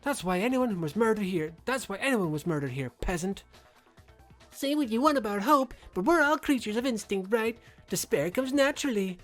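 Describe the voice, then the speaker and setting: Young female game villain, acted by a woman: coldly satisfied, taunting, theatrical, wide pitch swings. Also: expressive, moderate pace, faint music behind, lightly acted. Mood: scornful. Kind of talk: acted video game dialogue.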